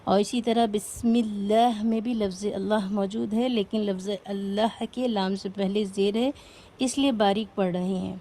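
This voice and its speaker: A woman teaches a recitation class with a patient, step-by-step manner. Her voice is warm and mellow, at an ordinary middle pitch. Now and then she stops to ask her students questions. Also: steady tone. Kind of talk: explaining lesson to a class.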